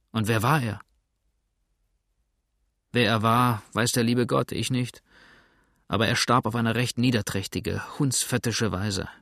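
A man doing a gruff frontier sailor. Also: medium pitch, fairly bright tone, no echo, studio quality. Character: rough male frontier sailor, blunt and gruff.

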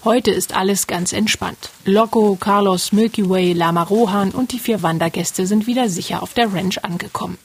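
A woman calmly narrating a documentary report as a reporter. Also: medium pitch, normal speed, hardly any pauses, slightly rough. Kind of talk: scripted narration.

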